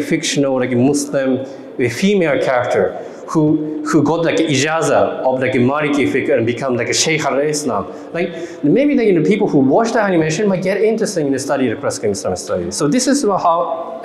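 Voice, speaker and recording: A man's voice: fairly high pitch, expressive. Japanese accent guy talking to kids at a stand mic, lots of uhs and likes, roomy hall echo. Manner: chatty, halting, many fillers and audience questions. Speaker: lecturer and festival speaker. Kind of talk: casual talk to a young audience. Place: large hall, indoors. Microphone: stand microphone.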